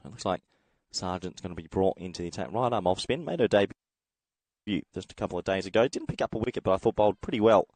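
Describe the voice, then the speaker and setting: A man from Australia calls a cricket match on his own, his voice a little croaky from a head cold. He sits low in pitch and sounds close and dry, with no room around him, chatting easily between deliveries. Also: quick pace, darkish tone, no echo. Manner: chatty, reads out viewer comments. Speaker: cricket commentator. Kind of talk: solo live sports commentary.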